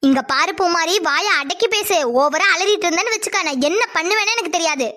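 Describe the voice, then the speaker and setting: A woman voicing a shrill scolding cartoon mother. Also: a little fast, bright, forceful tone. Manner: shrill nagging threats. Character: scolding middle-aged village mother. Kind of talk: Tamil cartoon voice acting.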